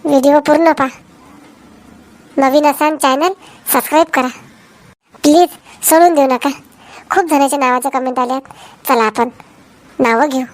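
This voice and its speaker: A woman with a Varhadi Marathi accent, voicing her cartoon persona and speaking briskly and sharply to the audience. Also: high voice, steady tone. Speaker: cartoon channel host. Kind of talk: scripted cartoon narration with audience address.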